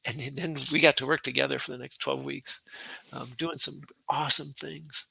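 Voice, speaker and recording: Man in his 60s, retired colonel, podcast guest, bright forceful tone, dry close sound, animated storytelling. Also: medium pitch, normal speed, creaky, husky, no room sound, rough recording. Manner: animated anecdotes with laughs and acted-out quotes. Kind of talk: conversational war storytelling.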